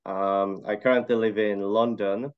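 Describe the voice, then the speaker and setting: Heard over a dull line, a low-voiced Czech man answers interview questions casually. He's smooth and a little slow, relaxed but hesitant, with plenty of fillers.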